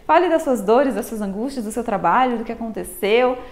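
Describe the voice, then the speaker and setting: A Brazilian woman with a Brazilian Portuguese accent and a somewhat high-pitched voice speaks to her channel's viewers. She explains baby development in a clear, teacherly way and keeps drawing the audience in with a friendly "gente". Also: expressive, fairly quick. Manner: warm didactic, addresses viewers as "gente". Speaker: pediatric health educator. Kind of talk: explanatory talk to camera.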